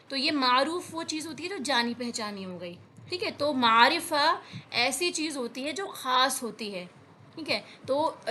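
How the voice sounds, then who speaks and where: A woman teaching an Arabic lesson, reading words slowly and explaining them patiently with frequent checks on understanding. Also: high voice, sharp tone, slight background noise. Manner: explains patiently, repeats words, often says "theek hai" to check understanding. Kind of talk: classroom lesson.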